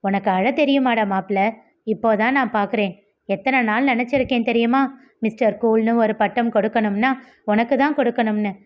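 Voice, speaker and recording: A woman's voice: fairly high pitch, a little fast, muffled recording, lightly acted. A woman voicing a young man who is emotional and hurt, speaking tearfully and reproachfully to his friend. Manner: tearful, pleading, then reproachful.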